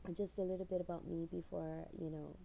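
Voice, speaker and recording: Middle-aged woman, rambling vlog storyteller, deep and mellow, faint hiss under her. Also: level tone, fast talker, vocal fry, rough recording. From Hawaii. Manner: rambling storyteller with frequent fillers and laughs. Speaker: channel owner. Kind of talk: casual personal vlog.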